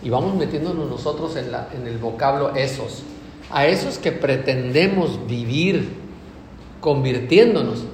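A man preaching a sermon, animated, acting out little examples in other voices. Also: fairly high pitch, a little hiss or hum. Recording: echoey hall with faint ambience.

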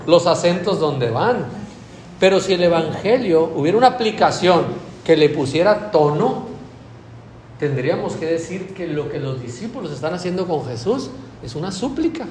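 A man's voice: on the high side, animated, moderate pace, darkish tone, reverberant, a little hiss or hum. A male priest giving a conversational sermon, often asking the listeners questions.

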